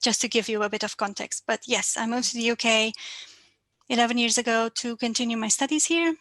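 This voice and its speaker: A woman in her thirties from Romania, speaking with a Romanian accent as a financial coach guest, measured and reflective, on a video call. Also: a little high, fairly even intonation, fairly bright tone, dry recording. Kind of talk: online interview.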